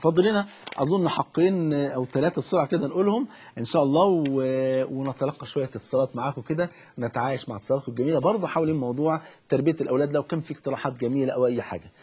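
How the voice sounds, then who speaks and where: A man's voice: medium pitch, racing, darkish tone, husky. A man with an Egyptian Arabic accent, a preacher giving fervent, fatherly religious advice on a call-in show. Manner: fervent, fatherly, keeps saying "my dear".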